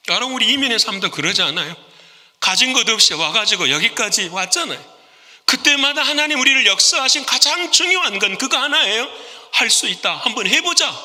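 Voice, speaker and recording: A man's voice: very high voice, bright, forceful tone. A man preaching a sermon as pastor. He asks the congregation questions, answers them himself, and acts out dramatic quotes. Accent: Korean. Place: large church sanctuary. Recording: long hall reverb.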